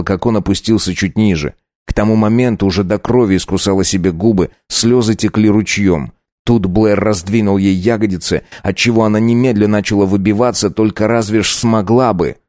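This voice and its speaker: A man narrating a dark audiobook in a steady storytelling voice. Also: on the low side, brisk, hardly any pauses, no room sound, studio quality.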